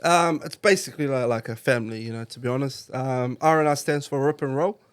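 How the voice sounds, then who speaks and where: A man from Iraq, a car club member talking as a guest in a relaxed casual interview, laughing often and using slang fillers. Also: mid-range voice, brisk, smooth, no echo.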